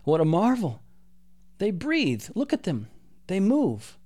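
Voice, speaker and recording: A man's voice: high voice, huge pitch swings, slow pace, warm tone, pitched above the performer's own voice, heavily acted. A man voicing an awestruck, reverent archangel who speaks in archaic, overwhelmed wonder.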